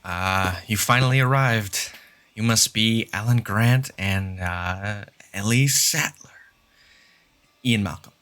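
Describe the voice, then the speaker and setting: A man playing a smug, doom-saying chaos mathematician in an audio drama, lecturing with halting emphasis. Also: fairly low pitch, a bit bright, a little hiss or hum. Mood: introducing himself.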